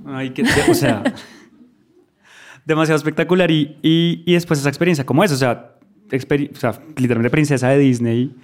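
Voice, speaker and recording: A man's voice: a little high, fairly even intonation, normal speed. A man hosting a podcast, asking chatty questions packed with fillers in a garden before a live audience. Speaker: podcast host. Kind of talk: casual interview chat.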